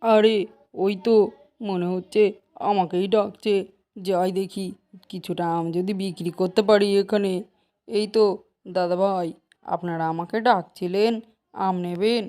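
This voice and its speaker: A woman's voice: medium pitch, steady tone, a little slow, long pauses, dark tone, natural voice. A woman voicing a poor village mango seller who pleads and bargains to sell her fruit. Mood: persuasive. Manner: pleading, persuasive sales talk. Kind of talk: Bengali cartoon voice acting.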